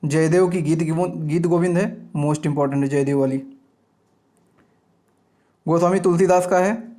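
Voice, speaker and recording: Man teaching a brisk grammar class. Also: a little high, steady tone, dark tone. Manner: lists examples one by one, checks in with "ठीक है". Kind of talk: exam-prep grammar lecture.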